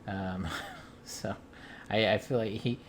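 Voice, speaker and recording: A man from the US Midwest with a lowish voice tells a story in relaxed, rambling vlog chat. He fills the gaps with ums and uhs and restarts his sentences, sounding amused by it all. A faint room ambience sits behind him. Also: takes it slowly, slight background noise. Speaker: video game collector vlogger. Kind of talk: casual chat.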